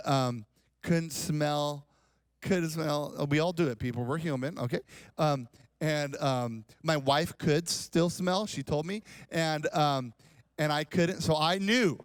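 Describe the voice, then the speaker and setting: A man's voice: a little high, dry recording. A man in his forties, a pastor giving a casual, rambling, joking talk at a conference. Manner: rambling, self-deprecating, joking. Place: conference hall.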